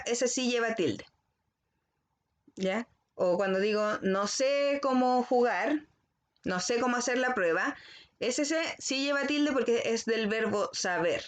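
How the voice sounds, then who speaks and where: A Chilean woman teacher with a fairly high voice gives a recorded language lesson to children. She explains things slowly and carefully, checking in with the class often.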